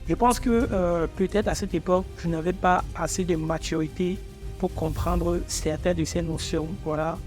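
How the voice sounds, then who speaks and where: A young African man in his twenties, a native English speaker, talks informally to viewers on his own channel as an architecture student vlogger. His voice is fairly high-pitched with a darkish tone, and he speaks at normal speed with fairly even intonation. Faint music plays in the background.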